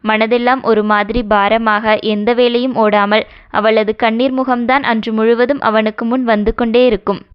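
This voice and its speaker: Smooth-voiced woman narrating a novel. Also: a little high, flat delivery, normal speed. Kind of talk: scripted narration of an audio novel. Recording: dull lo-fi recording.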